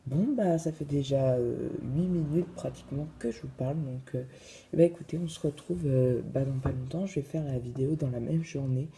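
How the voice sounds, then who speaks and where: A man's voice: mid-range voice, normal speed, gravelly, dark tone, slight background noise. A man casually reviewing a phone in his vlog, hesitant and full of fillers. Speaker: vlogger.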